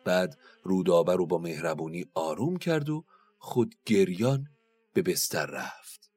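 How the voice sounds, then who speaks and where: A man narrating an epic tale in a steady, expressive reading. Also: low voice, husky. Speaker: storyteller.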